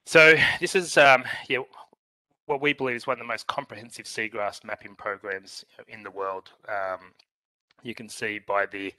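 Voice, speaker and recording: A man with a croaky, hoarse voice giving a meeting presentation, halting with many fillers and restarts. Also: lowish voice, steady tone, bright, forceful tone, no room sound, rough recording. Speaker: presenter filling in for a scientist. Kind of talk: meeting presentation over a call.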